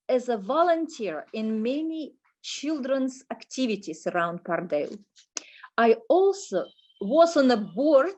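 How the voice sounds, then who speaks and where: Russian accent woman, middle-aged, reads her nominee statement real slow, kinda high voice. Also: a little mellow, poor audio. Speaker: board nominee. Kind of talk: prepared candidate statement.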